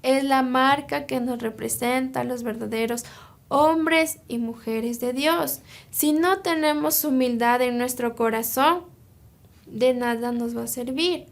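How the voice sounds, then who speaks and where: Woman preacher, high voice, earnest, storytelling sermon, asks listeners to follow along. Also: creaky. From Ecuador. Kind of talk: sermon with a told parable. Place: church streaming live.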